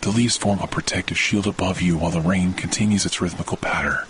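This deep-voiced man delivers a scripted meditation for relaxation, calm and measured like someone hosting a sleep podcast, his tone steady throughout. Loud rain pattering on leaves and gentle thunder are plainly heard underneath, adding background noise.

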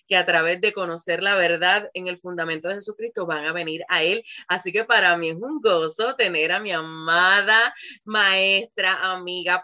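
A woman's voice: medium pitch, pushed and bright, highs cut off. A woman pastor hosting a live online ministry broadcast, speaking fervently and praying, often checking in with "¿verdad?". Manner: fervent, keeps asking "¿verdad?". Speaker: pastor and show host.

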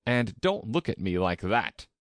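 A man's voice: fairly low pitch, very animated, measured pace, no room sound, clean studio sound. A man doing a fussy, peevish king. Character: nervous, fussy old king.

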